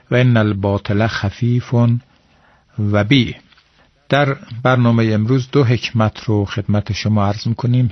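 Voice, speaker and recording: A male cleric delivers a religious lecture in a slow, measured, formal manner, reciting scripture as he goes. His voice sits on the low side. The recording is dry and dull, with a muffled lo-fi radio quality. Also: dry recording.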